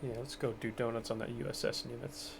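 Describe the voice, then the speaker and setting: A gravelly, monotone man gives casual, brisk gameplay commentary at medium pitch, rambling flatly and putting himself down while streaming from home. He keeps quiet for others in the house, and his cheap mic picks up lots of hiss along with the game's engine sounds.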